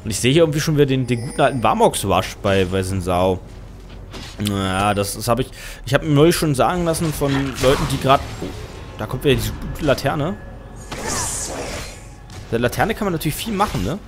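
This young caster, German accent and mid-range voice, speaks a little fast with lively intonation yet leaves long pauses. Over background music he calls a match live in a casual style, reasoning aloud and fixing his own slips as he goes.

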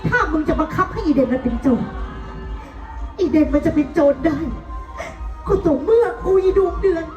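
A woman's voice: very high-pitched, animated, normal speed, highs cut off. A woman playing a fierce, protective mother in live folk theater, scolding with passion and close to tears. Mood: defiant. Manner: impassioned, scolding, near tears. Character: fierce grieving mother, protective of her son. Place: outdoor temple fair stage. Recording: echoey stage with loud music and crowd.

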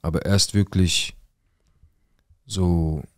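A man's voice: low-pitched, fairly even intonation, drawn-out words, no echo, clean studio sound. A man narrating a viewer's life story in the first person, in a casual, colloquial way that speaks straight to his viewers.

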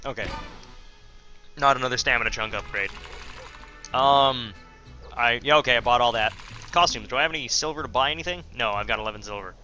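A man's voice: mid-range voice, brisk, long pauses, pushed and bright, soft background music. A man giving casual, rambling commentary while playing a video game, full of fillers and self-deprecating asides. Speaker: let's play host.

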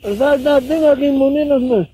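An actor with a Bolivian Spanish accent playing a stubborn, wheedling village drunk in a film, with a slurred, whiny way of talking. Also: male voice, extremely high pitch, normal speed, mellow, slight background noise, poor audio. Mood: stubborn pleading. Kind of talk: film acting.

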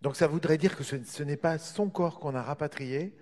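A man's voice: fairly high pitch, normal speed, a little mellow. A man hosting a radio talk show, steering his guest with short questions. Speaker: radio host. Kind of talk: radio interview.

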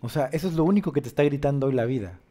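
Insistent spiritual guide. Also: male voice, medium pitch, very fast, dark tone. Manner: insistent, probing, rhetorical questions. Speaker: host giving spiritual guidance. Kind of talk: call-in spiritual counseling.

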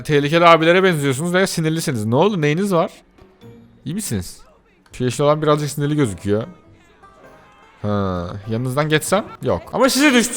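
A young man giving casual commentary on a game he plays, excitable and often breaking into shrieking outbursts. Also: a little high. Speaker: gaming YouTuber. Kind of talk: casual Let's Play commentary.

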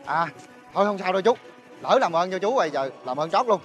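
A young actor with a Southern Vietnamese accent, playing a smooth-talking swindler who coaxes and chuckles his way into a deal. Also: sits high, expressive, fast talker, faint music behind. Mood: persuasive. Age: young adult. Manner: persuasive, coaxing, chuckling often. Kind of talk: TV drama acting.

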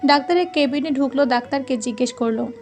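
Female storyteller, high voice, steady scripted narration, soft music underneath. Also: fast. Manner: reads every character's lines in her own voice. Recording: faint music behind.

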